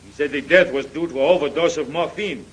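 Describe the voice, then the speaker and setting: An actor playing an excitable French innkeeper in an old-time radio drama, speaking broken English with a French accent and a fussy manner. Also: male voice, a little high, fast talker, a little hiss or hum, natural voice, rough recording. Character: excitable French innkeeper, middle-aged man.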